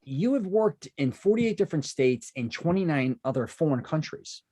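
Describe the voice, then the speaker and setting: Speaking with a dark, expressive voice on the high side, this Chicago podcast host keeps a moderate pace. The casual interview chat wanders, full of asides and restarts.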